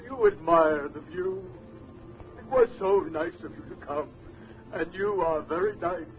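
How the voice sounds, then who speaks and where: A man putting on a slow, pompous old walrus. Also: fairly high pitch, slight background noise, natural voice. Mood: solemn. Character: pompous sentimental male walrus. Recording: tinny lo-fi old record.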